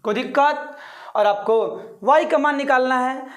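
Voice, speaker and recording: A man teaching a math lesson online, reassuring his pupils and keeping them engaged with repeated questions. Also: very high voice. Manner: repeats steps slowly for pupils to say along.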